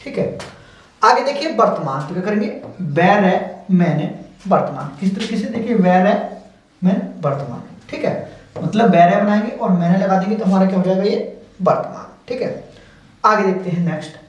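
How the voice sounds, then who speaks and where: Echoey Hindi shorthand teacher, distant mic. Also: male voice, high-pitched, lively intonation, normal speed, highs cut off. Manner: patient, repetitive explaining. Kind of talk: step-by-step stenography lesson. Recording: very echoey room, mic far off.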